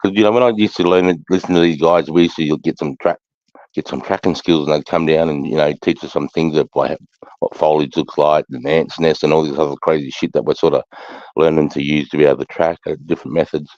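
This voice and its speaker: A man's voice: extremely low pitch, fairly even intonation, fast, darkish tone. A man chatting casually on a livestream in a blokey, slangy way with heavy swearing. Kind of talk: casual chat. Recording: muffled, roomy livestream audio.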